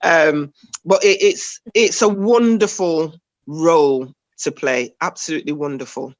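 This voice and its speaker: A woman's voice: sits low, measured pace, no echo, highs cut off. A woman being interviewed over a video call, speaking enthusiastically with frequent superlatives and hesitant fillers. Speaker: guest. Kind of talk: online interview.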